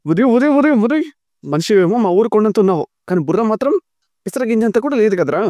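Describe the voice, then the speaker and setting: A man voicing a quick-tempered village woman who scolds and calls names in a shrill voice. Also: expressive, mellow, no room sound, clean studio sound. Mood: scolding. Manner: shrill, scolding, name-calling.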